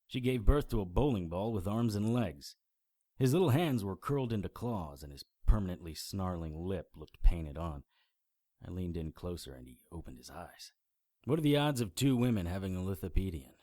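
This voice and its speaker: An actor playing a wry, deadpan supernatural private eye who narrates his own audio drama in a hardboiled style. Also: low-pitched, moderate pace. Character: dry-witted male private investigator narrator. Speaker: narrator and lead character.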